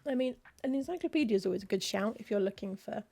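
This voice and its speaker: A streamer chats casually while playing a cozy game, reading game text aloud and muttering through lists of book titles with wry asides. Her medium-pitched voice is warm and lively, fast-paced with vocal fry.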